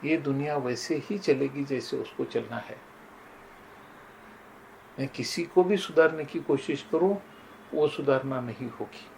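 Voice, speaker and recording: A man's voice: mid-range voice, measured pace, gravelly, pauses often, a little hiss or hum, low-quality recording. Earnest older man telling moral stories. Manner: earnest storytelling, often addresses listeners as friends. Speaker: motivational speaker. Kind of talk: motivational talk with personal stories.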